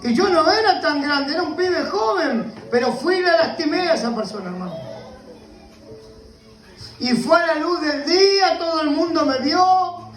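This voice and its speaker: A man's voice: very high-pitched, lively intonation, moderate pace, fairly bright tone, roomy sound, soft background music, poor audio. A man with a Rioplatense Spanish accent preaching a sermon with passion, often calling out to his listeners as brother. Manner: impassioned preaching, repeatedly addressing the listener as brother. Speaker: pastor. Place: church.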